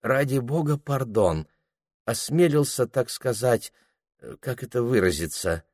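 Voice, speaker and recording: A man's voice: medium pitch, animated, measured pace, darkish tone, slightly rough, dry recording, clean studio sound, pitched above the performer's own voice. A man reading aloud, voicing a lovesick young shop clerk who pleads in flowery words and breaks into shrieks. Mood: fawning.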